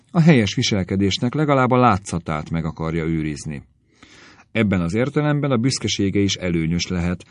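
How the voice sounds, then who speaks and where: Brief: man reading as a smooth, sly young officer, coaxing tone, lively low voice, dry studio sound. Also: no room sound. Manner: ingratiating, guarded.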